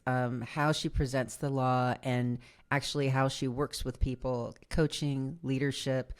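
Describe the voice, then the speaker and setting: Low-voiced, bubbly woman host. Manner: bubbly, encouraging with short affirmations. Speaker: podcast host. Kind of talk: interview hosting.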